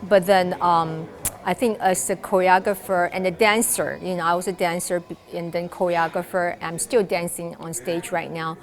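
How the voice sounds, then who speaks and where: A woman's voice: lowish voice, steady tone, normal speed. A middle-aged woman from Taiwan, a choreographer and dancer, answering interview questions thoughtfully with many fillers and restarts. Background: music.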